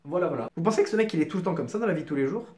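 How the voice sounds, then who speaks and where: A man's voice: on the high side, animated, rapid-fire, a little mellow. A man hosting a comedic video commentary, joking, mocking and self-deprecating. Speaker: YouTube host. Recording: roomy echo, no proper mic.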